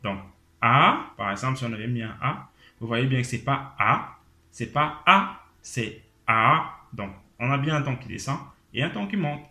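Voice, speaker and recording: A man's voice: medium pitch, expressive, a little fast, pushed and bright. A man teaching a language lesson in a patient, explanatory way, humming and singing tone examples. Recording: roomy echo.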